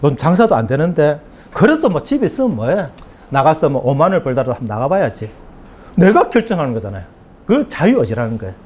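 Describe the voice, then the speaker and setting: A male pastor preaches in a church, talking to the congregation in a chatty way. His pitch sits a little high and swings widely. He keeps slipping into little acted-out exchanges to make his points. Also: very animated, fast, a little mellow, husky. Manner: conversational preaching with acted everyday dialogues. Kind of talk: sermon.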